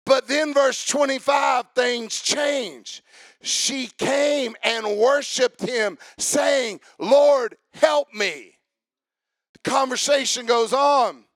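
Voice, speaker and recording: A man preaching a sermon to a congregation, asking them questions and rising into a chanted, shouted preaching cadence. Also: very high voice, slow, no echo, studio quality.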